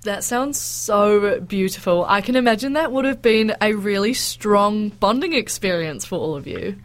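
A woman's voice: medium pitch, animated, normal speed. A woman radio host from New Zealand who interviews a musician with eager, admiring enthusiasm. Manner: warm, enthusiastic praise.

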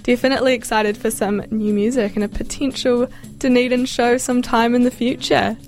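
Woman radio host, highish voice, friendly and eager, faint music behind. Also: flat delivery, a little fast, a little mellow. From New Zealand. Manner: friendly and enthusiastic, hesitant phrasing. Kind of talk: casual radio interview.

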